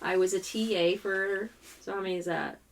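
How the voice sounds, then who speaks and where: A woman's voice: mid-range voice, fairly even intonation, normal speed, slight background noise. A woman in her thirties co-hosting a casual podcast chat, teasing her friends and laughing often. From Missouri, USA. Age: 30s. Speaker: podcast co-host.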